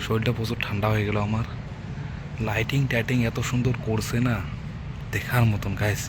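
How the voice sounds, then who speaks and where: A man's voice: on the low side, level tone, a little fast. A man from India vlogging casually as he walks around, chatting to his viewers with lots of filler words. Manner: chatty, addresses viewers as guys, many fillers. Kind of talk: casual walking vlog. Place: outdoors in a city, then inside a large mosque. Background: traffic and city ambience.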